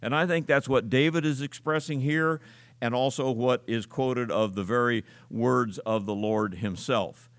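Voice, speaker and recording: A man's voice: mid-range voice, a little slow, dry recording. An older man preaching a conversational, folksy sermon. He tells stories and repeats key words for emphasis.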